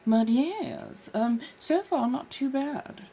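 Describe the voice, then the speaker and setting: Animated and slow, with vocal fry and a warm tone, this high-voiced livestream host from California affects a posh colonial American accent. She chats casually in genteel phrasing, addressing her audience as dears and darlings while faint music plays behind her.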